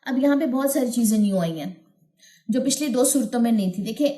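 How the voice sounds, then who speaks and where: Female recitation teacher with a higher voice, unhurried, sounds out each word again and again; roomy echo. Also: dark tone. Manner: explains slowly and demonstrates each word repeatedly. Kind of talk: recorded lesson. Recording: echoey room.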